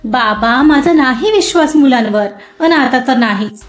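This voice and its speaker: A woman voicing a lively, chatty young woman in an audio story, talking expressively to her father. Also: sits high, measured pace. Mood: wistful. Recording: roomy muffled recording, soft music.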